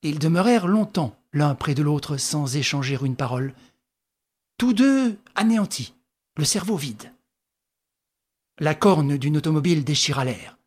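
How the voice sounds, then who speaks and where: Lively, husky-voiced woman narrating. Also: low voice. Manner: dramatic storytelling with lively rises. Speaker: audiobook reader. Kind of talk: expressive scripted narration.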